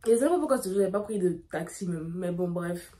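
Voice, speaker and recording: A young woman, telling a dramatic story in a lively way while doing her makeup. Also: on the low side, a little fast. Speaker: beauty vlogger.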